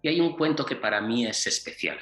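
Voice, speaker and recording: A man, a workshop facilitator, telling a traditional tale in a slow, deliberate way with many repetitions. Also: mid-range voice, lively intonation, gravelly, fairly bright tone. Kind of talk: storytelling to open a workshop. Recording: roomy echo, faint music.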